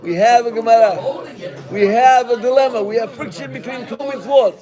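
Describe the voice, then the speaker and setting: Animated rabbi teaching a class. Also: male voice, very high voice, moderate pace, a crowd in the background. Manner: animated, joking, calls on students by name. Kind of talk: animated Talmud class lecture.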